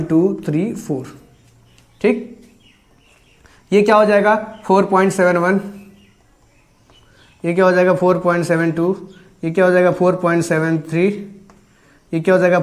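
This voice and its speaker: A man teaching a math lesson, asking questions and answering them himself and stressing each number, with English math terms mixed into his Hindi. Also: high voice.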